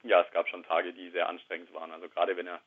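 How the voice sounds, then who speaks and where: A husky man in his thirties talks quietly and thoughtfully as a guest, often pausing and searching for words. His voice sits fairly low and comes through a thin, tinny phone line that strips away the fullness. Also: completely flat delivery. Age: 30s. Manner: quiet, reflective, hesitant. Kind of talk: candid personal conversation.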